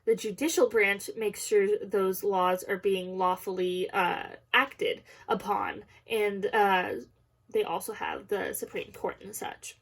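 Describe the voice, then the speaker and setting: A young woman giving a recorded class presentation, nervous and halting, often stopping to correct herself. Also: medium pitch, animated. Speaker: student presenting a class discussion.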